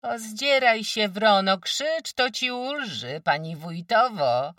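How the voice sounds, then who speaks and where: A jeering peasant woman with a sharp tongue, as an audiobook reader puts her on, pitched high and swinging up and down as she mocks. The voice sounds dry and set back from the mic. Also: lively intonation, slow, no echo, far from the mic. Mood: taunting. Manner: jeering, shrill, mocking. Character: mocking, foul-mouthed peasant woman neighbor. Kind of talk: audiobook character reading.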